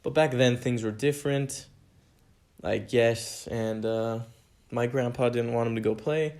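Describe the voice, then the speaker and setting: A man's voice: medium pitch, unhurried, a little mellow. A young man from America hosting a solo podcast, answering fan questions in an earnest, rambling way that repeats itself. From United States. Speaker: podcast host.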